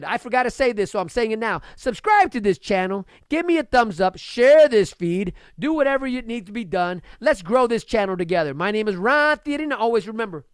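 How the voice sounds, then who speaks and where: Man, high-pitched, podcast host, emphatic motivational talk, exhorting, dry recording. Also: clean tone, no room sound.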